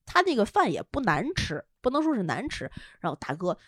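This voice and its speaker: A woman podcast co-host telling a travel story in casual chat, animated and often laughing as she acts out quotes. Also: medium pitch, a little fast, breathy edge, no echo, studio quality.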